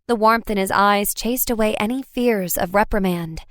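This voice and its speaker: A woman's voice: mid-range voice, moderate pace, dry recording, studio quality. A woman reading a first-person audiobook chapter in a light, wry storytelling manner. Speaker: audiobook narrator. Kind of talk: first-person scripted narration.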